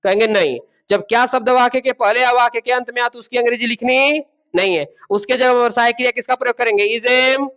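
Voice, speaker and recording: A man's voice: very high-pitched, steady tone, a little fast, bright, forceful tone. A male teacher gives a classroom grammar lesson, asking the class questions and repeating key words. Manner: addresses students as babu and beta. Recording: dull lo-fi sound.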